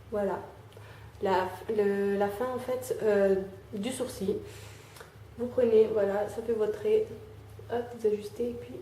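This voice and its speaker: Young woman, higher voice, mellow tone, chatty makeup tutorial in an echoey room with faint hiss. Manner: chatty, fills with "euh" and "hein", talks while applying makeup.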